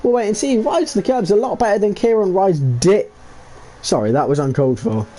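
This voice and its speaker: Male sim race commentator, livestream feel, animated and jokey, wanders off-topic, very wide pitch swings. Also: a little fast. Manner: excitable, jokey, rambling asides. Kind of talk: live sim racing league commentary.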